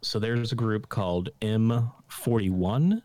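A man's voice: on the low side, takes it slowly, darkish tone, no room sound. A man co-hosting a casual podcast, chatting in an easygoing, joking way. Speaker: podcast co-host. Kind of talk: casual chat.

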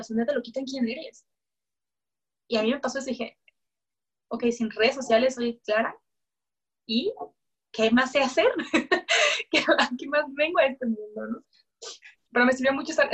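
A young woman with a slightly high voice shares a personal faith testimony in a relaxed, conversational way. She acts out what she once said to herself and keeps circling back with fillers and self-corrections. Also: husky. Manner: animated storyteller who acts out her own past words. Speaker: guest sharing a faith testimony.

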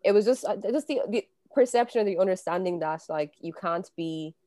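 An Irish woman speaks as a guest in a low, mellow voice. Her thoughtful remarks trail off softly, and the recording sounds dry. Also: expressive, fairly quick, dry recording. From Kildare, Ireland. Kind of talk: conversational panel discussion.

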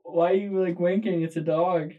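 Higher-voiced young man, teasing banter. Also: steady tone, normal speed, phone-quality sound. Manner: teasing, asks naive questions. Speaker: podcast co-host. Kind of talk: casual chat.

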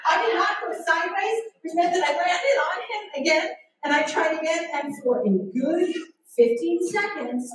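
Woman preaching in an echoey hall. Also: high-pitched. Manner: animated, self-mocking storytelling with frequent laughter. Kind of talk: sermon. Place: large church hall. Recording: very echoey hall, distant mic, faint noise.

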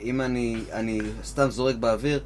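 A man's voice: mid-range voice, fairly even intonation, slight background noise. A man on a panel call, eagerly cutting in with repeated starts to make his point. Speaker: panel guest. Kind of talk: casual debate.

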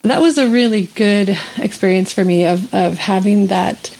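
A woman from Canada speaks as a guest, her voice a little husky and breathy at mid pitch. She tells her story in a loose, chatty way, full of fillers and quick laughs. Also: rough recording. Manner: animated, laughs often, many fillers and restarts. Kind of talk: casual storytelling in an interview.

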